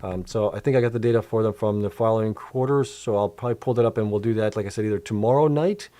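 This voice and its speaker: Low, mellow-voiced man with a tiring voice. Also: fast. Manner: loose and rambling, many fillers, reads chat aloud. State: voice getting worn out. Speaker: livestream host answering chat questions. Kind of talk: casual livestream chat.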